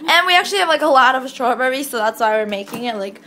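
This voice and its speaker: A woman's voice: high-pitched, lively intonation, fast talker, sharp tone, slight background noise. A teenage girl chatting casually in a daily vlog, rambling with lots of filler words. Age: teens. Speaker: vlogger.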